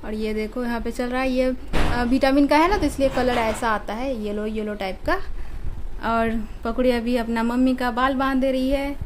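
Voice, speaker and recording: Woman vlogger with a slight lisp, high voice, chatty and explaining things as she goes. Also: steady tone, normal speed, a little hiss or hum. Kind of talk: casual home vlog chat.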